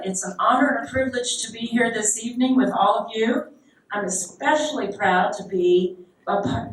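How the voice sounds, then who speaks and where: Older woman from Texas in an echoey hall. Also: on the high side. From Texas, USA. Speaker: panelist. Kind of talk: introducing herself on a panel. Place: large event hall. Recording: echoey hall, distant mic.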